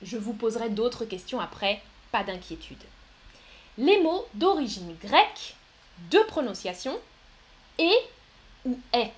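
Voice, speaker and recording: A woman giving a live pronunciation lesson, speaking slowly and carefully, repeating each word and laughing softly now and then. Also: a little high, very animated. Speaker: French teacher.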